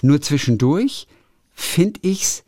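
Animated man reading aloud. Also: on the high side, slow, no room sound, studio quality. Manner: laughs often while reading. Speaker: podcast co-host. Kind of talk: casual chat, reading aloud from a book.

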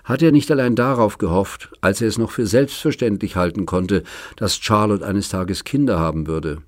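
A man reads a novel aloud in a calm, even way, his voice deep and low. The recording is dry and close, with no room sound. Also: normal speed, dry recording. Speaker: audiobook narrator. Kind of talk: scripted narration.

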